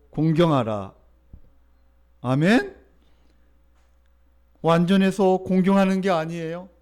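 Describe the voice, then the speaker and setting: A middle-aged male pastor delivers a sermon with a notably high-pitched voice. He talks conversationally and keeps turning to the congregation with questions and calls to respond. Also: darkish tone.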